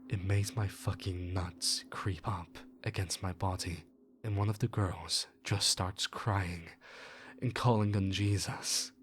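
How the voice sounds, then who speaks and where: A man reads a horror story aloud in a low voice, taking his time over every line. His telling is measured and unhurried, slipping into hushed tones. A faint hiss sits under the voice. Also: steady tone.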